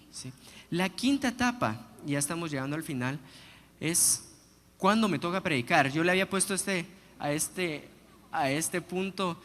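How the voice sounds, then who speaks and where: A man preaching a sermon, telling personal stories in an animated, humorous way. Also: a little high. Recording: long hall reverb, faint background noise.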